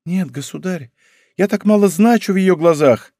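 A man's voice: sits high, moderate pace, dark tone, no room sound, clean studio sound, pitched above the performer's own voice. A man voicing a timid, frightened young court lady, pleading in anxious exclamations in an audiobook reading.

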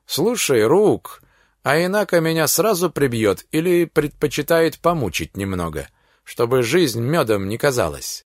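A man's voice: mid-range voice, very animated, measured pace, dry recording, clean studio sound. A man voicing a wry young human man who grumbles with sardonic humor. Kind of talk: audiobook character reading.

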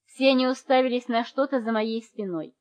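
A woman reading a novel aloud, lively, acting out each family member's voice. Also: a little high, fairly quick. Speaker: audiobook narrator. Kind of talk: scripted narration. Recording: dull lo-fi recording.

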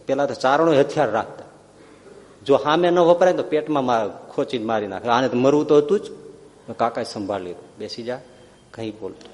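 A man's voice: fairly high pitch, a little mellow. A man narrating a devotional story with dramatic, passionate bursts. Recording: long hall reverb.

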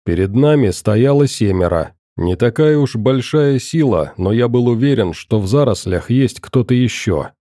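Male audiobook narrator, very dark tone, steady read, dry booth sound. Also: medium pitch, moderate pace, few pauses, no echo. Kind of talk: scripted narration.

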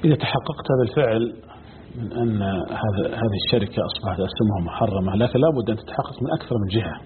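Male sheikh giving rulings, fast. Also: lowish voice. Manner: measured, explanatory, careful caveats. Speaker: sheikh answering questions. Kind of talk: giving religious rulings on air. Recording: phone-like lo-fi broadcast with clear noise.

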